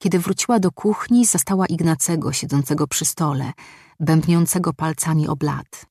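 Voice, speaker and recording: A woman narrating a novel as an audiobook in a calm, even reading voice. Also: deep voice, moderate pace, breathy edge, dry recording, clean studio sound. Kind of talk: scripted narration.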